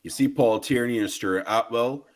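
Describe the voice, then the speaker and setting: Bajan guy ranting like a football fan, medium pitch, indignant, slangy, keeps repeating himself. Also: moderate pace. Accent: Barbadian. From Barbados. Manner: emphatic, indignant, repetitive, slangy. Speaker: football fan guest caller. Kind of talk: casual football fan rant.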